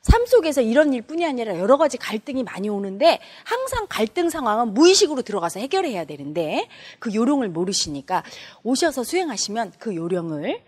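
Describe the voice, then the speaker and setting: A woman's voice: fairly high pitch, very animated, brisk, few pauses, darkish tone, breathy edge. A woman meditation teacher giving a spoken lecture, acting out quoted family dialogue as she explains.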